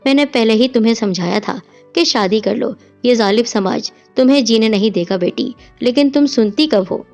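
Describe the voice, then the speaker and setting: A woman's voice: a little high, a little mellow, close to an everyday voice. A woman voicing a grieving older father who speaks reproachfully through tears, over faint music. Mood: tearful. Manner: weeping, reproachful.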